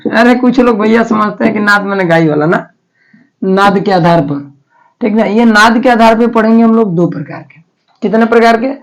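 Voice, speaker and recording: High-voiced teacher, chatty and repetitive. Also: male voice, normal speed, poor audio. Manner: chatty and repetitive, asks and answers his own questions. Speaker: Hindi teacher. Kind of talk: exam-prep grammar lesson.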